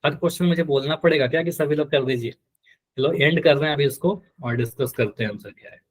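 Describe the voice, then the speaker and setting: Male math teacher, slightly higher voice, patient drills, live online class. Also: fairly quick. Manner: patient, repeats key terms and quizzes students.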